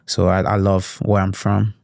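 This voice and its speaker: A man's voice: low voice, monotone, moderate pace, vocal fry, darkish tone, dry recording, clean studio sound. A young man with a Liberian accent from Liberia, telling his story earnestly and reflectively as an interview guest, with frequent "you know" fillers. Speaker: youth advocate guest.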